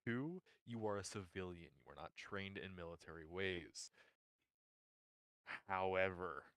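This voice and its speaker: A man's voice: low voice, measured pace, smooth, no echo, low-quality recording. A man chatting casually with friends while gaming, animatedly describing characters. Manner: animated storytelling about characters. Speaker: game player.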